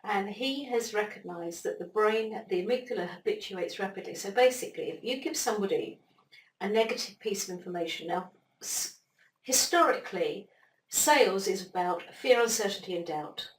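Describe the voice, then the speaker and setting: Animated woman explaining, distant roomy mic. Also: medium pitch, normal speed. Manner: animated explainer, acts out inner voices. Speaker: interview guest, brain expert. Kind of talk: conversational interview.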